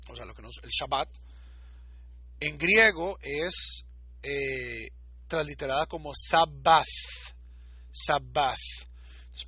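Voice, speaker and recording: A man's voice: fairly high pitch, bright, forceful tone, breathy edge, no room sound, highs cut off. A man giving a recorded lecture, explaining patiently and repeating words to show how they are pronounced. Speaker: teacher.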